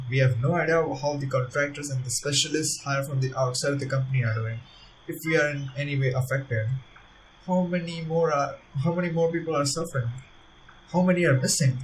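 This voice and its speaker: A man's voice: fairly high pitch, far from the mic, slight background noise, low-quality recording. A man reading a visual novel aloud as narrator, with earnest delivery and laughing asides. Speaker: let's-play narrator. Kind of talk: reading a story game aloud with commentary.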